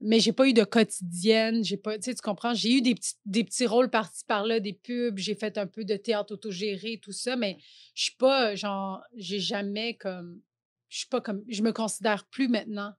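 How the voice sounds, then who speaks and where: A woman's voice: mid-range voice, normal speed, dry recording. A woman in her thirties with a Québécois French accent, chatting casually as a podcast guest, rambling with fillers and restarts and laughing often. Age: 30s. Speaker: comedian guest.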